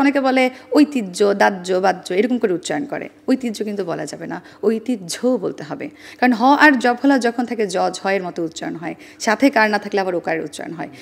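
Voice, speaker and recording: A woman guest in an interview, explaining how to pronounce words, with careful, precise diction and a measured, deliberate delivery. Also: fairly high pitch, creaky. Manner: careful, precise standard pronunciation, demonstrating sounds. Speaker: interview guest on speech and pronunciation.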